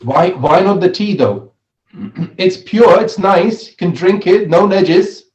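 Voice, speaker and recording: High-voiced man teaching in echo. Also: animated, slow pace, a little mellow, dull audio. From Switzerland. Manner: questioning, repeats phrases, adds "right?" often. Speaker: Islamic studies teacher. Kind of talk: interactive religious lesson with question and answer. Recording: roomy, echoey sound.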